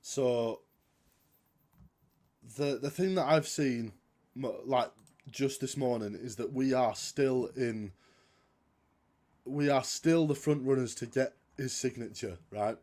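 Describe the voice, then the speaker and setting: A man's voice: mid-range voice, takes it slowly, long pauses, a little mellow. A man co-hosting a casual football podcast, with a dry, self-mocking sense of humour. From Yorkshire, England. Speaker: podcast co-host.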